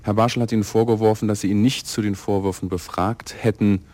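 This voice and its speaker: A man's voice: fairly low pitch, fairly even intonation, fairly quick, darkish tone. A male radio interviewer asking pointed, probing questions in a dry archival radio recording. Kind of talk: broadcast interview.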